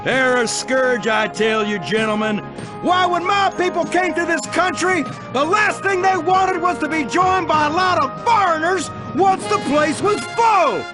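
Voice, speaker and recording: A man's voice: very high-pitched, lively intonation, unhurried, music in the background. A man voicing a pompous, jingoistic American military space commander in a satirical cartoon, barking folksy orders. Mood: preachy, indignant.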